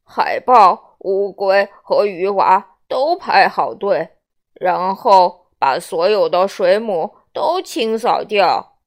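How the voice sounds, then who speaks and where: A woman voicing a sad, slow-talking male mock turtle in a children's storybook reading, with soft music behind. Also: medium pitch, expressive, voice pushed down. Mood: mournful. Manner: slow and mournful.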